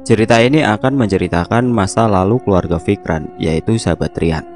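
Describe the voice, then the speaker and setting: A man narrating a scripted story in a calm, steady manner as host of a story channel. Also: on the low side, fairly quick, soft background music.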